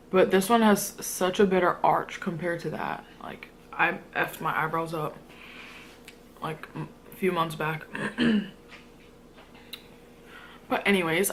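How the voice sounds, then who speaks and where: A woman's voice: on the low side, fairly bright tone, a little hiss or hum. A young woman chatting casually to her viewers as a food vlogger, in an informal, slangy, rambling way. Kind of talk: casual mukbang chat to viewers.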